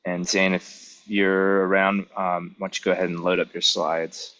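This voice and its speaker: A man moderating an online seminar over video call audio, unhurried and full of fillers as he introduces speakers. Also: low-pitched, little pitch movement, a bit bright, dull audio.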